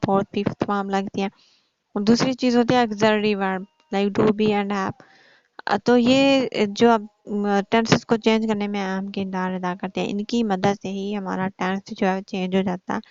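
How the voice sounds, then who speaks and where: A woman's voice: medium pitch, a little mellow, no room sound, dull audio. A woman giving an online English grammar lesson, explaining patiently and checking in often, mixing English terms into her speech.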